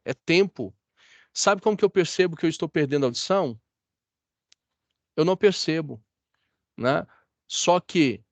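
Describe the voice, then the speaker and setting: A Brazilian man gives a classroom lecture in a somewhat high voice. His speech is dry and close, with no room echo. He chats easily and keeps checking that the class follows him. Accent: Brazilian Portuguese. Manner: chatty, asks the class for agreement. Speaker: teacher.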